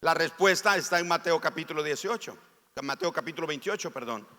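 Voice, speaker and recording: Nicaraguan male pastor, high bright voice, fervent sermon, long church-hall reverb. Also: lively intonation, a little fast. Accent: Nicaraguan Spanish. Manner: fervent, rising to near shouts on key phrases. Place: church sanctuary.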